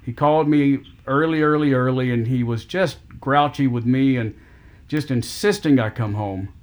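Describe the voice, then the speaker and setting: A middle-aged man talking with family, halting and often repeating words as he restarts his sentences. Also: medium pitch. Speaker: family caregiver on a call. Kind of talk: emotional family phone conversation.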